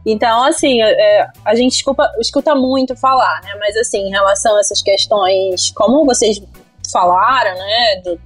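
A woman's voice: medium pitch, normal speed, husky, faint music behind. A woman talking in a casual podcast chat, thoughtful, dotting her sentences with fillers. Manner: reflective, fills with "né".

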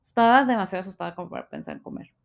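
A woman with a Mexican Spanish accent tells a personal story in an emotional, unscripted way. She keeps filling her speech with small fillers and tag questions. Her pitch sits in an ordinary middle range. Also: very fast, creaky.

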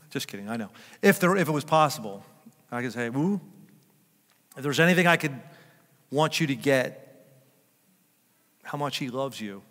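A man's voice: mid-range voice, expressive, moderate pace, long pauses. Older male pastor preaching in reverberant hall. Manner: conversational, joking with the congregation, builds to loud emphatic peaks. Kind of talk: sermon. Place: church sanctuary.

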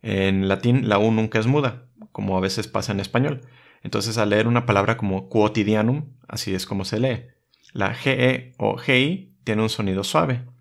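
A man, patiently teaching letter by letter in a calm lesson video. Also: fairly low pitch, moderate pace, vocal fry. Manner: patient, methodical, spells out letters one by one. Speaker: religious teacher.

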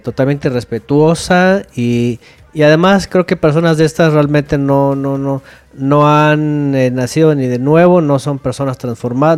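A man's voice: mid-range voice, a little mellow, smooth. A man, a guest teacher on a talk show, speaking hesitantly with many fillers. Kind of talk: casual chat.

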